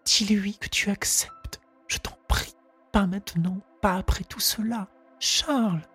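A desperate young wife pleads urgently, as a male narrator raises his voice to play her. The voice climbs high but stays breathy and husky. This is an audiobook character pushed into soft, strained begging. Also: wildly swooping pitch, measured pace, soft background music, heavily acted. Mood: pleading.

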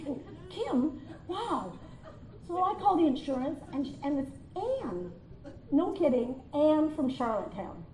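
A woman's voice: high-pitched, lively intonation, moderate pace, darkish tone, slight background noise. A woman doing a stand-up comedy routine, telling a story and acting out both sides of each conversation. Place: live venue with audience. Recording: echoey room with crowd.

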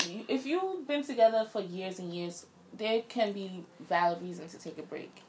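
A young woman co-hosting a podcast, giving relaxed, thoughtful relationship views in casual chat. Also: fairly low pitch, slight background noise. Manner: relaxed, reflective advice-giving. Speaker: podcast co-host.

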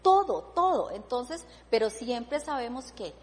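A woman's voice: on the high side, sing-song, unhurried, in a large hall, a little hiss or hum. A middle-aged woman, giving an earnest, emotional personal faith testimony as a church member, often asking "¿verdad?".

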